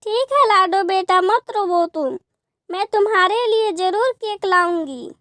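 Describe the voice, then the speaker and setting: A woman's voice: extremely high pitch, a little slow, a bit bright, dry recording. A woman voicing a worried poor mother.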